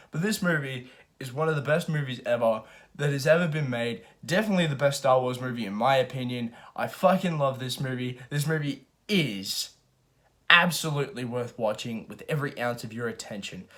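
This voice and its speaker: A man giving a casual, rambling film review, excited and profane. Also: mid-range voice, brisk.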